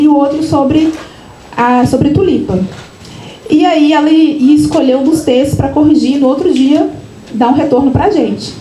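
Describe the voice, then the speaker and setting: A woman author talks casually to an audience, her voice high and mellow. She keeps adding little tag questions and starting sentences over. An echoey room with a faint hum of noise surrounds her. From Minas Gerais, Brazil. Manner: chatty, frequent tag questions and restarts. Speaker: author at her book launch. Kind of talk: casual personal storytelling to an audience. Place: event room, live audience.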